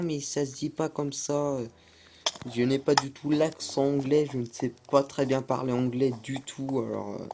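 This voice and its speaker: A man's voice: medium pitch, noisy background. Hesitant young man narrating gameplay. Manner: hesitant, many fillers. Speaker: gaming YouTuber. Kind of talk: casual gameplay commentary.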